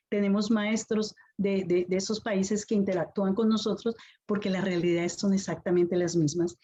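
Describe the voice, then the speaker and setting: Mellow Colombian Caribbean woman presenting. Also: medium pitch. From Colombian Caribbean islands. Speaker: educator presenting at an education lecture. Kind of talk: semi-formal academic presentation. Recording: dull lo-fi audio.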